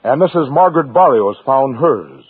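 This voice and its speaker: A man narrating a radio documentary in a solemn, measured way. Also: mid-range voice, lively intonation, slightly rough. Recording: tinny lo-fi old radio recording.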